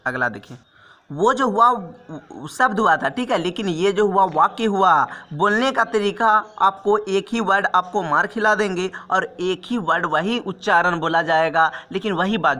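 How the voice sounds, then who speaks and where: A man teaching grammar in a casual spoken lesson, reading out wrong and correct words and sentences, often saying "okay" and slowing down to spell out each correction. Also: fairly high pitch, sharp tone. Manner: repeats "ठीक है" constantly, slows to spell out corrections.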